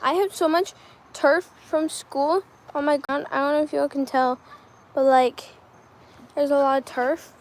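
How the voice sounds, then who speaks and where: A woman's voice: sits high, fairly even intonation, unhurried. A woman chatting casually on a livestream from her balcony, rambling with lots of fillers. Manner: rambling, filler-heavy talk. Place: outdoors on a balcony.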